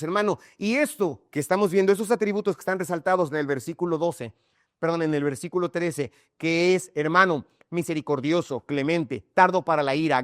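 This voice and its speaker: Emphatic preaching man, higher voice. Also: no room sound, studio quality. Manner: emphatic preaching, often calls listeners "hermano". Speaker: pastor. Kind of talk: sermon.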